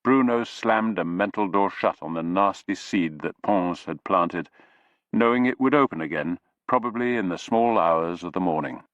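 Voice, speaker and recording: A man narrating an audiobook in an even, steady reading style. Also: sits low, moderate pace, no room sound, highs cut off. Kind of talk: scripted narration.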